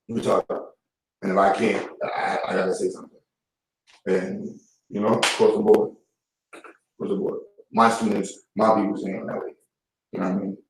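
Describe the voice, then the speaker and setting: A man with a fairly low, somewhat mellow voice delivers a casual, blunt vlog rant packed with street slang, repeating his points. This YouTube commentator sounds far from the mic in an echoey room.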